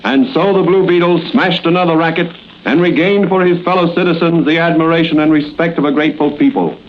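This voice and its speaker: Measured old-time radio narrator, a man. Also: on the high side, fairly even intonation, a little hiss or hum. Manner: measured dramatic storytelling. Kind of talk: 1930s radio drama narration. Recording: dull old radio recording with music.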